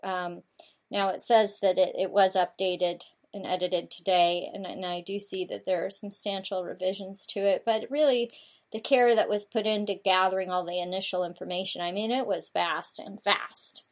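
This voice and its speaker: A woman's voice: mid-range voice, steady tone, normal speed. Chatty woman hosting a talk show. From United States. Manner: rambling, many fillers and restarts. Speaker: show host. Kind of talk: casual talk show monologue.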